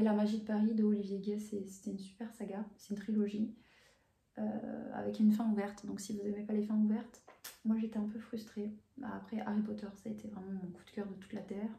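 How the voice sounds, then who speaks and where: A woman hosting her coloring channel, chatting casually in answer to viewer questions at home, calm and hesitant with many fillers and restarts. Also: medium pitch, creaky. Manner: calm, even delivery. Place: home room with bookshelves. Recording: roomy echo.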